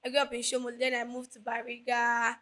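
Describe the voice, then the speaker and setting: A woman's voice: on the high side, monotone, quick pace, a bit bright. A Nigerian woman hosting a casual interview chat, playful and laughing often. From Lagos, Nigeria. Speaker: podcast host.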